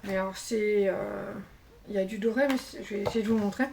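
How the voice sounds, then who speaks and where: A woman chats through a crafting haul, pausing often with little fillers as she hunts for words. Her mid-pitched voice sits a bit back from the mic, with a faint hiss in the background. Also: steady tone, gravelly, recorded from a distance. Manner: chatty, hesitant, many fillers. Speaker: crafting YouTuber. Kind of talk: casual show-and-tell haul.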